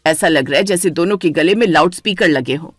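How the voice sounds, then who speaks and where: A woman voicing a stern, commanding older mother-in-law in a dramatized story, scolding in a lower voice. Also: a little fast, husky, no room sound, studio quality, soft background music. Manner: scolding and authoritative.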